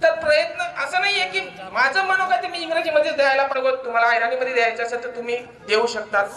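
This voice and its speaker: A man's voice: very high-pitched, steady tone, fast talker, bright, forceful tone, roomy sound, rough recording. A man with a Khandesh Ahirani accent, an alumnus reciting emotional poetry at a school reunion, declaiming and repeating lines for effect. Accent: Khandesh (Ahirani dialect).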